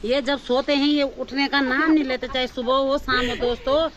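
A woman's voice: high-pitched, fairly even intonation, normal speed, a crowd in the background. A middle-aged woman from Uttarakhand, India, the vlogger's mother, talking in a mock-grumpy, scolding way. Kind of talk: casual vlog chat. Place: village outdoors.

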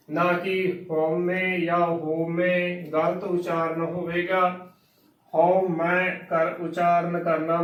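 A man teaches scripture pronunciation letter by letter, slow and patient. His voice sits high for a man and stays fairly even. The room is roomy and he sounds a little off the mic. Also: distant mic. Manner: slow, careful, spells out each letter and sound. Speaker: Sikh religious teacher.

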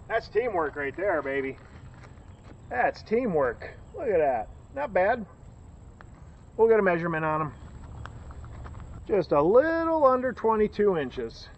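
A middle-aged man with a Northeast Ohio accent talks in an excited, joking way while filming by a lakeshore. His voice sits fairly high. The sound comes from a rain-bagged camera outdoors, with clear background noise. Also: muffled recording. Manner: excited, joking, loose and chatty. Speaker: fishing vlogger. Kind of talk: casual outdoor commentary. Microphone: camera on a stand, bagged against rain.

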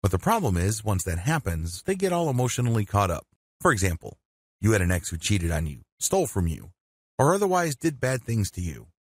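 A man giving scripted instructional narration as a meditation teacher, speaking in a measured, deliberate way. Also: fairly low pitch, wildly swooping pitch, husky, dry recording, clean studio sound.

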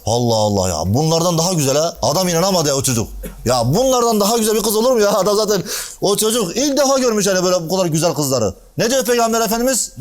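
A male preacher telling a religious story in a casual sermon, acting out the dialogue and speaking directly to listeners by name. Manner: animated storytelling, acting out dialogue with shifting pitch.

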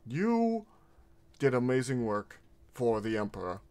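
A vtuber, a man who is half Mexican, reacts to a gameplay video with casual, rambling commentary, tripping over his words and correcting himself. His medium-pitched voice is sing-song and a little slow, with a loud crowd in the background.

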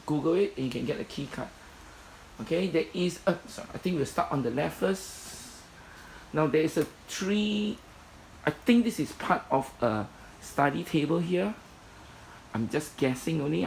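Man, matter-of-fact seller, fry in the voice, faint background noise. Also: fairly high pitch, a little mellow, rough recording. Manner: plain, matter-of-fact listing with many fillers. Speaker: storage unit seller. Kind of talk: walkthrough commentary. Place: indoor storage unit. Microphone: phone camera held in hand.

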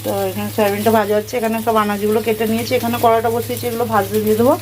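A woman's voice: on the high side, flat delivery, racing. A woman chatting casually through a home vlog, talking through her chores and cooking as she goes. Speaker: vlogger. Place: home kitchen. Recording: noisy room with frying sounds.

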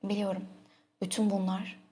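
A woman narrating a literary audiobook in a soft, intimate, emotive manner. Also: medium pitch, flat delivery, moderate pace.

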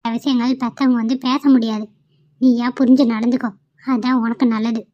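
A woman's voice: on the high side, little pitch movement, brisk, warm tone. A woman voicing the characters in a cartoon drama, talking with emotion and pleading. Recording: muffled lo-fi audio.

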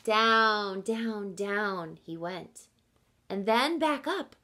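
In a medium-pitched voice with drawn-out words, a woman in her thirties reads a picture book aloud as a teacher. The reading is expressive and instructive, and she speaks directly to the young listeners, stopping to explain and ask questions.

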